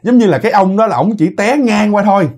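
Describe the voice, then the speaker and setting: A man with a Southern Vietnamese accent rattles off a ghost story at a fast clip. His voice is husky and sits a bit high, and he keeps repeating words and turning to his listeners. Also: darkish tone. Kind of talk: casual ghost story narration.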